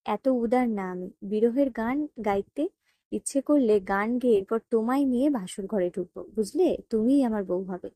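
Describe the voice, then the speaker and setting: A woman narrator doing a jealous, hot-tempered young man who shouts and grits his words through clenched teeth in an audio story. The voice sits fairly high and mellow, recorded close and dry. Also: moderate pace, no echo, lightly acted. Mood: angry.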